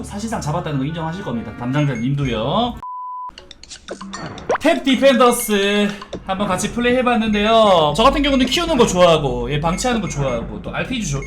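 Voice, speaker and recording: Game streamer, male, from South Korea; animated chatty delivery, music bed underneath. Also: high-pitched. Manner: chatty, bursts into excited shouting during battles. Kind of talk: sponsored mobile game playthrough.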